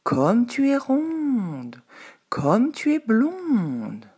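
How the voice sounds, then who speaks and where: A sly, flattering male fox from a storybook, as a woman puts him on. He drawls his compliments slowly and sweetly. The tone lifts into a thin fake-old voice when he pretends to be deaf. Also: fairly high pitch, husky, pitched above the performer's own voice, exaggerated voice. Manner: slow, sweet-talking, sly.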